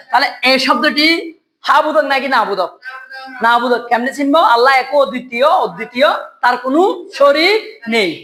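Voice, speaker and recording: A Bengali grammar teacher with a mid-range, fairly bright voice runs an exam-prep lesson over poor audio. He quizzes the class, posing questions and answering them himself right away.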